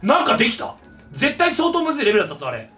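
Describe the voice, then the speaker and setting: Excitable high-voiced man gaming. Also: racing, far from the mic, soft background music. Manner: excitable, loud shouted reactions. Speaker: gaming YouTuber. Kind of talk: gameplay commentary.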